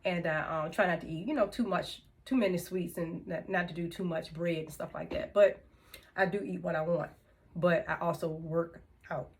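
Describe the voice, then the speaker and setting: A woman's voice: fairly low pitch, fairly even intonation, normal speed. A woman in her fifties chatting casually to camera as a vlogger, laughing often between thoughts. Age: 50s. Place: indoors, room with music she turned off.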